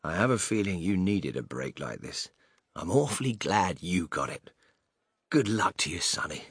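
A man voicing a fat, excitable middle-aged male shopkeeper in a storybook reading. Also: fairly high pitch, rapid-fire, no room sound. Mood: kindly hushed. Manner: bursts into shrieking excitement, then kindly and hushed.

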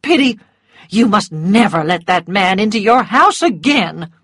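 A woman's voice: on the high side, big pitch swings, measured pace, fairly bright tone, slightly rough, no echo, clean studio sound, pitched above the performer's own voice, exaggerated voice. A woman voicing a stern, indignant society matron who speaks in a scolding, imperious way.

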